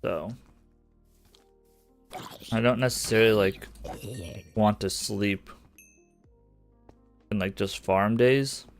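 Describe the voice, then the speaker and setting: A man's voice: on the low side, steady tone, takes it slowly, pauses often. A man streaming a survival game, chatting casually and muttering to himself, now and then swearing under his breath when things go wrong. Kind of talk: casual gameplay commentary. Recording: lofi music faint behind.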